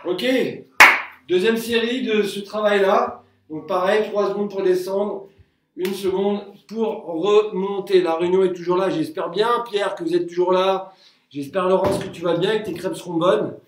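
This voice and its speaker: A man's voice: sits high, moderate pace, far from the mic, slight background noise. Man counting reps in an echoey room. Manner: relaxed, joking, counts reps aloud. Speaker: Krav Maga instructor. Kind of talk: live online workout class.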